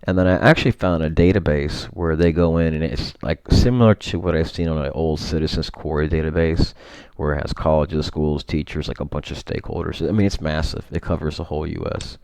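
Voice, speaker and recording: A deep-voiced man with a gravelly edge talks through his screen share at home. He wanders and corrects himself often, leaning on fillers as he goes. The sound is dry and close, with no room around it. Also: steady tone, a little fast, few pauses, darkish tone, no room sound. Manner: rambling, frequent fillers and self-corrections. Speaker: vlogger. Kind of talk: casual screen-share commentary.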